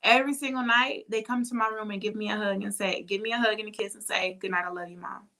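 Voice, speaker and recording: Podcast co-host, woman in her thirties, sharp bright tone, chatty and quick to laugh. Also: medium pitch. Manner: lively, storytelling, laughs often. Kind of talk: casual chat.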